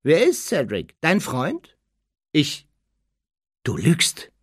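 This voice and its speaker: Man playing a tense teenage wizard boy, hissing, clipped, threatening, slightly raised voice, husky, audiobook. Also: a little high, huge pitch swings, drawn-out words, dry recording, clean studio sound, voice pushed up, heavily acted. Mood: tense warning.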